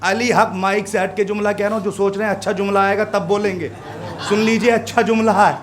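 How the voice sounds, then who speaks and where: A man preaching a majlis sermon, telling a story with drama and building to impassioned shouts. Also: high voice, steady tone, fairly quick. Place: mourning gathering hall. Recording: crowd heard around speaker. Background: listening congregation.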